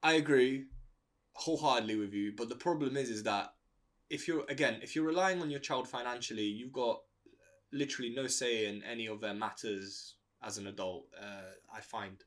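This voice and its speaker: A man's voice: medium pitch, moderate pace. A man co-hosting an advice podcast, giving blunt, opinionated takes in casual chat. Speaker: podcast co-host.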